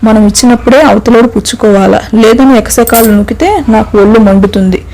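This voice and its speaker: A woman's voice: fairly high pitch, fairly quick, warm tone, a little hiss or hum, lightly acted, low-quality recording. A woman voicing a bold village woman who speaks in rustic, blunt, scolding talk.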